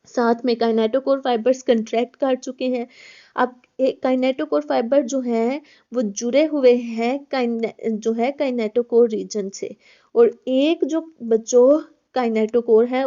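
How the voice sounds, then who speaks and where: A woman's voice: on the high side, dark tone. Woman lecturing, dull lo-fi recording. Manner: explains step by step, addresses students as children, repeats words. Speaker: college biology lecturer.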